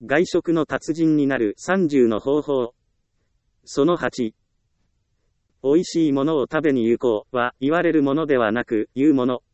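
A man calmly narrating a self-help book, reading advice in an even, instructive way. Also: medium pitch, unhurried, no room sound, dull audio.

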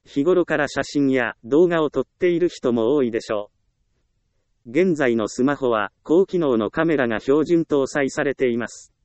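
A man with a mid-range voice reads scripted self-help narration calmly and in a measured way, with frequent short pauses. There is no room sound.

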